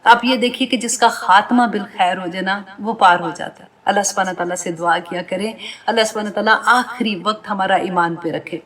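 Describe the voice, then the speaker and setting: Woman scripture teacher, mid-pitched, earnest. Reads verses in short phrases with translation, then explains to her class. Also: fairly bright tone. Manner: addresses listeners directly, often adding tag questions. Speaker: Quran teacher. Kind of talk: Quran commentary lesson to a class.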